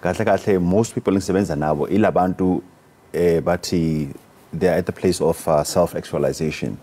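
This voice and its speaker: A South African man speaking as an interview guest and coach, explaining conversationally in a halting way. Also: deep voice, mellow. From Free State, South Africa. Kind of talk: conversational explaining, switching languages.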